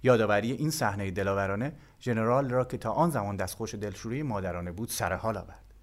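A man reading a translated novel aloud as an audiobook narrator, calm and measured. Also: on the low side.

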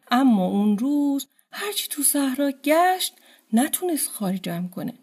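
A woman narrating a folk tale in a gentle, colloquial storytelling manner. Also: mid-range voice, vocal fry, breathy edge.

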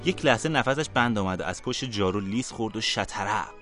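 A man calmly narrating a fantasy storybook for a podcast. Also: fairly low pitch, soft background music.

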